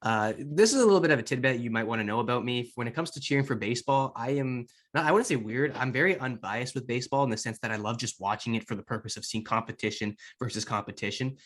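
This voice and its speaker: Young guy on a sports podcast, talks quick, chatty, kinda rambles. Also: mid-range voice, fairly bright tone. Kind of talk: casual sports chat.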